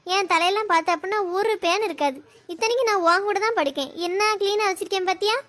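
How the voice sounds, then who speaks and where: A woman's voice: extremely high pitch, fast, a bit bright. A woman playing a cheeky, bickering teenage daughter.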